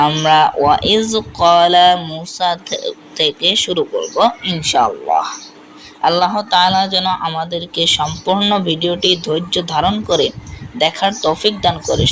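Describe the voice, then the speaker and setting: A high-voiced man teaches Quran recitation at an unhurried pace. He spells out each letter and vowel mark, then draws the words out slowly and repeats them. A faint hum sits under the recording. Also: lively intonation, a bit bright, poor audio. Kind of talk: step-by-step recitation lesson.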